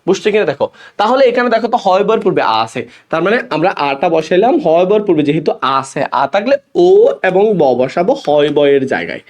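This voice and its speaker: Fast, lively Bangladeshi Bengali teacher. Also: male voice, high voice. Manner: explains step by step, often asks students questions. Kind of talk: classroom lecture.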